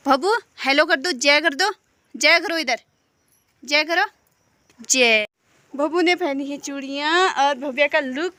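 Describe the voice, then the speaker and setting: A woman vlogger with a Pahadi accent from Uttarakhand, chatting in a lively, teasing way with her family. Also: sits high. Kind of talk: casual family vlog chat.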